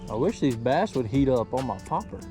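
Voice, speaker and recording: A man giving casual running commentary while fishing from a boat outdoors. He is excitable and slangy, and he talks to the fish. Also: medium pitch, a little fast, music in the background. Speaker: fishing vlogger.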